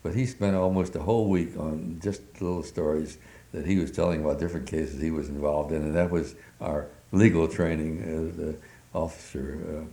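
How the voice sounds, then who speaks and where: Very deep-voiced old man, halting. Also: fairly even intonation, mellow. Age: older. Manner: halting, with many fillers. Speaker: interviewee. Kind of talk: oral history recollection. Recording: roomy echo.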